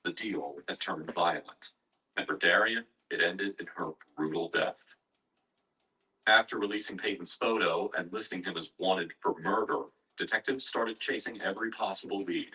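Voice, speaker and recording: A man narrates a true-crime story in a measured, grave tone. His voice sits a little low but sounds bright and clear in tone. The recording is picked up from a distance. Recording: distant, heard from afar.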